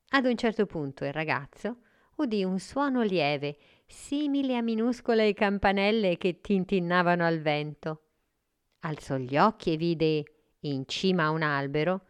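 A woman narrating a children's story gently and carefully. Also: fairly low pitch, clear, resonant tone.

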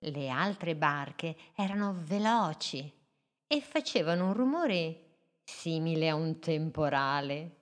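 Slow, low-voiced woman reading a children's tale. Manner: slow and gently expressive. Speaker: storyteller.

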